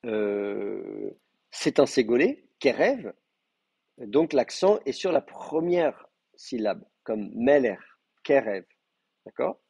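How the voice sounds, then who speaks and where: A man's voice: on the low side, vocal fry, mellow, slightly rough, no echo, muffled recording. A man teaching an advanced class in a live lecture, explaining patiently with frequent hesitations and fillers. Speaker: Hebrew teacher.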